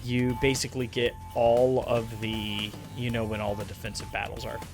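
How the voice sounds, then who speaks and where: A man's voice: mid-range voice, completely flat delivery, normal speed. Casual, laughing man gaming host. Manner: casual, laughing, swears freely. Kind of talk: let's play commentary. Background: game music.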